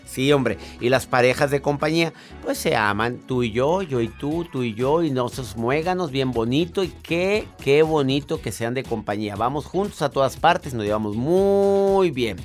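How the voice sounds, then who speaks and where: A man's voice: mid-range voice, expressive, moderate pace, few pauses, soft background music. A man hosting a radio show in a chatty, joking way. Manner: chatty and joking, playfully acting out couples. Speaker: radio host. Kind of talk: casual radio chat.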